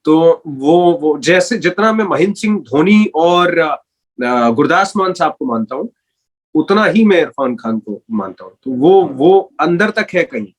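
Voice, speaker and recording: A young man, a radio jockey, answering rapid-fire interview questions in a rambling, casual way, dropping in English words. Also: a little high, lively intonation, rough recording. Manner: rambling, self-correcting, mixes in English words.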